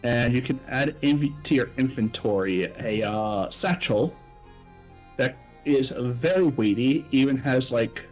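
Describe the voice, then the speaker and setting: A man's voice: mid-range voice, unhurried, a little mellow, faint music behind. A man narrating as game master of a tabletop game, loose and casual.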